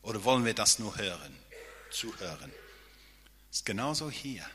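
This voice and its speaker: A man's voice: lowish voice, very animated, normal speed, bright, forceful tone, a little hiss or hum. A man preaching a sermon as pastor, earnest and often checking in with his listeners with a questioning "ja?". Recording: long hall reverb.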